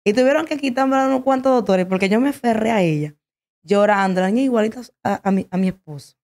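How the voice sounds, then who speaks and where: Give me a woman guest giving an emotional, stop-and-start personal testimony at an average pitch. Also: darkish tone. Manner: halting, emotional, with many restarts.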